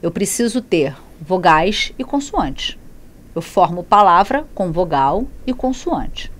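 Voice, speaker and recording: A woman's voice: lowish voice, takes it slowly. A woman teaching a Spanish lesson in Portuguese, who poses questions, answers them herself and corrects her slips as she goes. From Brazil. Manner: lively, repeats and self-corrects, asks and answers her own questions. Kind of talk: classroom lesson explaining grammar.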